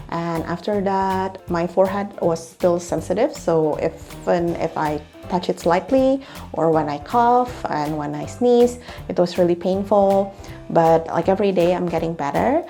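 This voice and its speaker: Young indonesian woman vlogging, lowish raspy fry voice, chatty with lots of little laughs. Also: normal speed, mellow, soft background music. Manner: chatty, laughs often, many fillers. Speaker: clinic employee and patient. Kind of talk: casual vlog testimonial.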